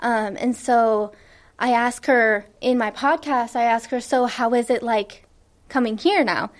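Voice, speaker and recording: A woman's voice: a little high, measured pace. A woman in her late twenties, a podcast founder, talking enthusiastically as a radio guest with frequent fillers and giggles. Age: late 20s. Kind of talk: radio interview.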